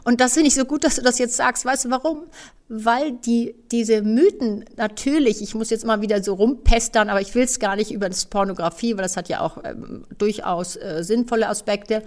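A woman sex therapist explaining her work in an animated, chatty way. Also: fairly high pitch, moderate pace. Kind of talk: casual chat.

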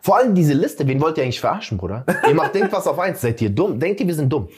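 A man's voice: a little high, big pitch swings, fast, darkish tone. A man co-hosting a casual podcast chat, ranting heatedly and often calling the others "Bruder". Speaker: podcast co-host.

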